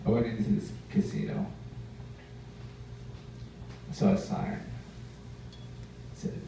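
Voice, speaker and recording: A man's voice: slow pace, warm tone. Stand-up comic man in an echoey room. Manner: storytelling with acted quotes of other people. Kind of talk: stand-up routine. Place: live cafe venue. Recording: very echoey room, distant mic, noisy ambience.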